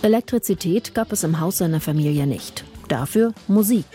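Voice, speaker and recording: In a low, mellow voice, a woman reads scripted narration for a news feature. Her delivery is even and measured, with faint music underneath.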